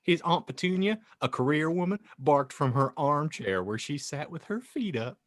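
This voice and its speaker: A man with a voice on the high side and lively intonation speaks at a moderate pace in clean, echo-free studio sound. Hosting a podcast, he reads a story like an audiobook narrator, dramatic, playful and mock-grand, with joking asides.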